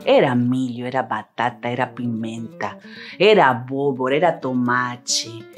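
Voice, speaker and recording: A middle-aged woman from Peru, telling a tale with deliberate, rhythmic, theatrical phrasing. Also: rumbling low, steady tone, soft background music. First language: Spanish. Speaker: storyteller. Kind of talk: dramatic oral storytelling.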